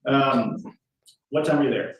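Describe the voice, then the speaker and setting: A man's voice: medium pitch, measured pace. A man cross-examining a witness as defense attorney on a courtroom recording, with a folksy, conversational manner. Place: large courtroom, indoors. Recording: echoey courtroom, far from mic.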